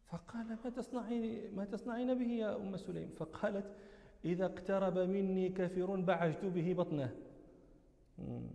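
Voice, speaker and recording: A man's voice: high voice, moderate pace, creaky, warm tone, big-room sound. A man with a Moroccan accent teaching a religious lesson, explaining a text patiently and correcting himself as he goes. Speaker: teacher of hadith.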